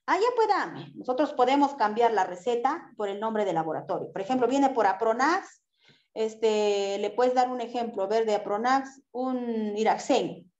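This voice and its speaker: A woman teaches pharmacy customer service in an animated lecture, often checking in with her listeners. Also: on the high side, normal speed. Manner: animated, acts out customer exchanges, tag questions. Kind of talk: lively lecture with acted examples. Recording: echoey room, dull lo-fi sound.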